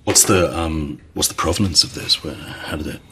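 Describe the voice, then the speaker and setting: An actor playing an eager buyer who stammers and chatters enthusiastically. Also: male voice, very deep voice, normal speed. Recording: noisy background hiss.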